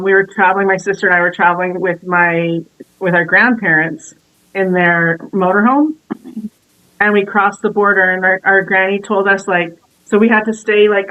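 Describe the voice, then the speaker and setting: A woman's voice: medium pitch, narrow, tinny audio. A woman in casual chat, telling stories with frequent laughter.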